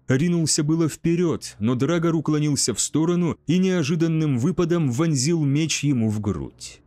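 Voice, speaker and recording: A man reading a fantasy story aloud as narrator, in a measured, unhurried way. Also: medium pitch, darkish tone. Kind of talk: scripted audiobook narration.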